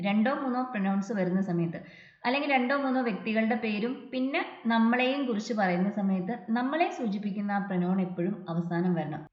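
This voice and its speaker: A woman tutor explains grammar point by point and reads English example sentences slowly and deliberately. Her voice sits at a middle pitch. The recording is dull and muffled, with a roomy echo. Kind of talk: exam prep lesson. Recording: dull echoey room recording.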